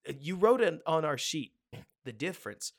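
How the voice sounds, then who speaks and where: A man's voice: a little high, very animated, normal speed. A man co-hosting a casual sports podcast, musing about the game in a loose, conversational way. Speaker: podcast co-host.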